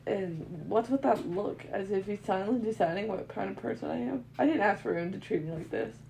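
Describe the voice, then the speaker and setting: A woman's voice: medium pitch, lively intonation, a little fast, creaky, warm tone, low-quality recording. Woman playing an outspoken young heiress over noise. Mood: uneasy. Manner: outspoken, dramatic. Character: indignant young heiress heroine.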